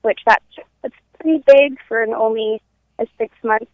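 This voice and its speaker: A woman in her twenties, staying at her parents' house, joins a podcast by conference call and chats in a candid, upbeat way. Her slightly high voice is steady and moderately paced, and the tinny phone line is dry with no echo.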